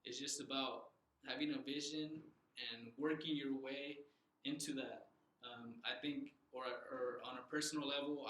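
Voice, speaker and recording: Young male interviewee, earnest, halting with fillers, bright voice, echoey room. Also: mid-range voice, a little hiss or hum. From Southern California. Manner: earnest, many fillers and restarts. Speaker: loan officer guest. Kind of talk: casual interview.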